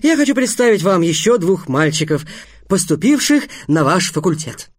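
A man reads an eccentric teacher of assassins who delights in danger, his voice leaping up high with theatrical, exalted glee. The delivery is dry and close, with no room sound. He drives each phrase upward. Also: measured pace, no room sound, lightly acted. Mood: cheerful. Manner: exalted, theatrical, rising to high excited peaks.

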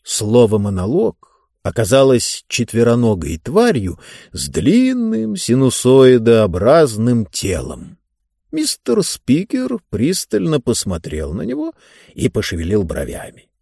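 A man reading a children's fantasy novel aloud as an audiobook, with very expressive storytelling. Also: medium pitch, takes it slowly, creaky, breathy edge, no echo, clean studio sound. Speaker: narrator. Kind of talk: scripted audiobook narration.

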